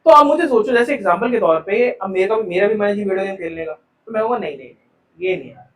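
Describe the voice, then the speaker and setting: A male teacher leads a live commerce class at a quick pace, his high, bright voice echoing because the camera sits far away in the classroom. He peppers his students with questions and refers to them as "beta."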